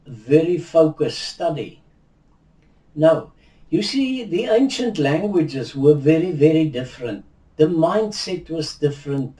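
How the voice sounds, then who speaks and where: An older man whose first language is Afrikaans gives an unhurried Bible teaching on video, indoors before a virtual backdrop. His mellow, slow voice sits on the high side, measured and reflective, with frequent restarts and hand gestures. He's recorded from a distance, in a roomy echo.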